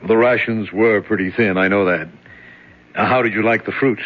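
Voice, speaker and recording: An actor in a 1970s radio drama, playing a chatty, falsely friendly jailer who fetches a prisoner. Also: male voice, lowish voice, fairly even intonation, normal speed, close to an everyday voice. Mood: breezy. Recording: dull old radio broadcast.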